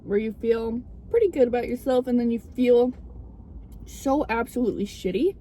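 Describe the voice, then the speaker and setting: A woman's voice: fairly high pitch, normal speed, mellow. A young woman in a casual car vlog, talking candidly and a little theatrically with plenty of swearing. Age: young adult. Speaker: vlogger. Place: inside a car. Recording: background noise inside a car.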